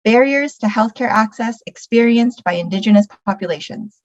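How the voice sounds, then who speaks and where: A woman's voice: fairly high pitch, normal speed, darkish tone, no echo, lo-fi sound. A woman reading a scripted presentation as one of its presenters.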